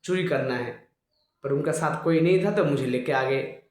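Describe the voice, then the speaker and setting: A man's voice: a little high, moderate pace, close to an everyday voice. A man voicing a humble, fretful elderly male devotee who protests and pleads, recorded in an echoey room. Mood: earnest.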